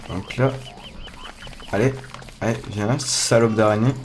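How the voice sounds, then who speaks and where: A young man giving casual let's play commentary, excitable, swearing often, talking to his viewers, with loud startled outbursts. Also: fairly low pitch, a little slow, background noise. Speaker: gamer playing a survival game. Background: faint game music.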